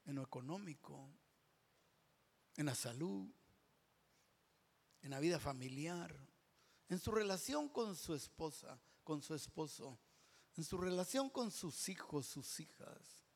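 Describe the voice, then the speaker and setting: Preacher, man, slow and deliberate, reverberant church hall. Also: a little high, vocal fry. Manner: builds to loud shouted climaxes, then drops to whispers. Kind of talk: sermon. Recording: long reverb of a large hall.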